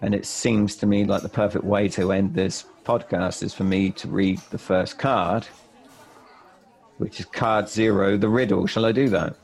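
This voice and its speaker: A man's voice: fairly low pitch, steady tone, moderate pace, gravelly, darkish tone, a faint crowd, poor audio. A man, a self-published author, chatting casually on a podcast, rambling with many restarts and repeated words.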